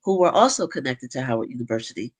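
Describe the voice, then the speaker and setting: A woman hosting an interview, explaining background in a measured way before asking her guest a question. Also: rumbling low, animated, slightly rough. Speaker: host. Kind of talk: interview conversation.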